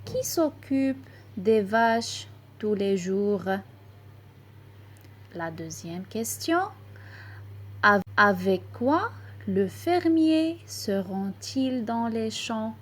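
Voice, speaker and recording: A woman teacher with a Moroccan accent slowly reading and sounding out syllables for young children. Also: on the high side, animated. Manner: pronounces syllables slowly and distinctly, spelling out letters. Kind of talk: slow, deliberate reading lesson for children.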